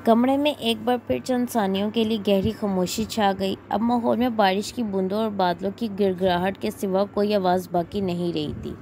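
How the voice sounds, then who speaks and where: A woman reading a horror story aloud in a measured storytelling manner. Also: mid-range voice, steady tone, dark tone, a little hiss or hum. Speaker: narrator.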